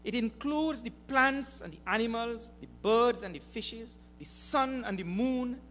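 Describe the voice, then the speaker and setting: A man giving a spiritual discourse at a mission gathering, slow and deliberate, stressing key words. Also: sits high, a bit bright. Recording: reverberant hall with faint hum.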